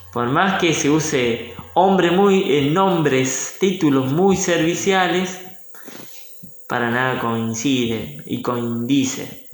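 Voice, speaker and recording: Priest guy, kinda high voice, slow and unhurried, echoey room. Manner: unhurried, pauses to look up verses. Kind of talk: informal teaching talk.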